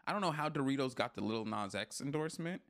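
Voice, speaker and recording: Blunt, animated male podcast host. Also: medium pitch, fast talker. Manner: animated, blunt, profane, joking. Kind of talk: casual chat.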